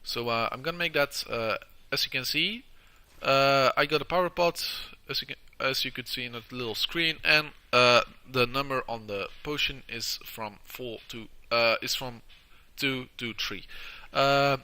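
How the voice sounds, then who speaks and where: Male gameplay host, very bright piercing tone, nose plugged with tissue, halting casual walkthrough style. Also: mid-range voice, clear, resonant tone. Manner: halting, hesitant delivery crowded with uhs. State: nose plugged with tissue from a nosebleed, stuffy nasal sound. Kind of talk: casual video game walkthrough commentary.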